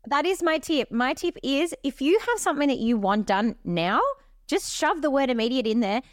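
A woman's voice: high-pitched, expressive, normal speed, no echo, clean studio sound. A woman co-hosting a podcast in casual chat, blunt and swearing offhandedly while giving advice. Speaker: podcast co-host.

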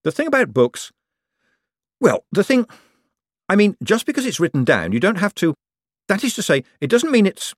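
A man voicing a glib young con man who talks wryly and hedges his words, a bit higher than his usual voice. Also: sing-song, normal speed, pauses often, dry recording, studio quality. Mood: evasive. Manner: hesitant, wry and evasive.

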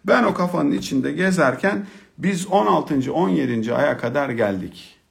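Middle-aged male storyteller: gravelly voice, very animated delivery, humorous and colloquial, drops to hushed tones then gets excited. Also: on the high side, normal speed. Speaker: speaker telling a personal story about fatherhood. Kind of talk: storytelling talk.

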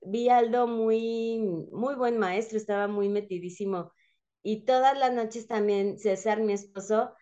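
A woman with a Mexican Spanish accent, a host mother of an exchange student, telling family anecdotes in a relaxed chat and laughing often. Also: a little high, unhurried, highs cut off. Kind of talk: casual podcast storytelling.

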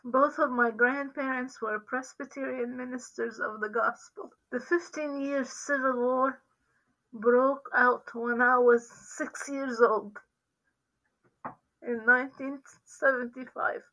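A woman's voice: high-pitched, steady tone, slow, bright, forceful tone, rough recording. A middle-aged woman from Lebanon, a guest giving an earnest, careful faith testimony.

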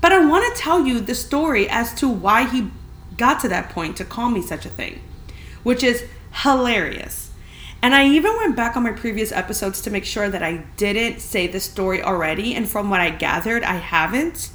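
A woman's voice: a little high, expressive, normal speed, fairly bright tone. Woman podcaster in a big, echoey room. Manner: candid, informal, emphatic storytelling. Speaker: podcast host. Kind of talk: casual chatty solo podcast. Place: friend's spacious apartment, indoors. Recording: big echoey room, clear background noise.

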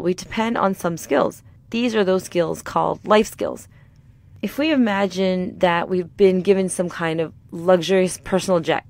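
A middle-aged woman hosting a podcast. She reads a scripted talk in a calm, measured way, and a sore throat leaves her voice slightly raspy. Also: fairly low pitch. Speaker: podcast host.

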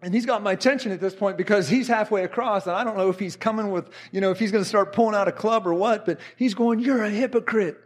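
A middle-aged man preaching, telling a story with animated energy and acting out the voices of the people in it. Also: high voice, fast, hardly any pauses. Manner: animated, acts out quotes of others. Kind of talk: sermon storytelling.

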